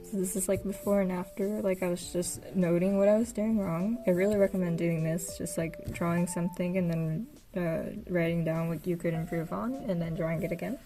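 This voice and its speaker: The audio is poor as a young woman, an art vlogger, casually presents her old sketchbooks over background game music. She speaks briskly with hardly any pauses, in a fairly low voice with a steady tone. Still soft-spoken and hesitant, she uses lots of fillers, and her voice tires.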